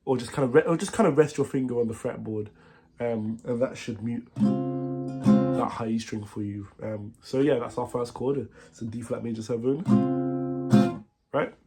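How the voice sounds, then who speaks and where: A man with a cold, sounding nasal and congested, teaching a guitar song in a halting, casual way with many fillers and self-corrections. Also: medium pitch. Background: guitar playing.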